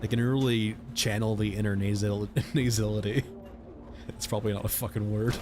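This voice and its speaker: A man's voice: lowish voice, fairly even intonation, normal speed, background noise. A congested man streaming a game, chatting loosely with viewers and rambling as he plays. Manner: rambling, chatty, talks to chat. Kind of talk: casual gaming stream chat.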